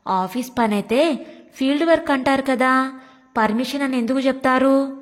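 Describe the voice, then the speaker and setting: A woman's voice: high-pitched, moderate pace, close to an everyday voice. A woman voicing a hurt, resentful middle-aged housewife who answers sulkily, with long room reverb. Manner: sulky, bitter retorts.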